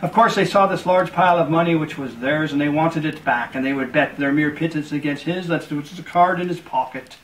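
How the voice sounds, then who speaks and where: The magician, a man whose voice runs slightly high, works through a card trick while unfolding his tale at an unhurried, careful pace. A soft hiss hangs in the background, and he sounds somewhat far from the mic.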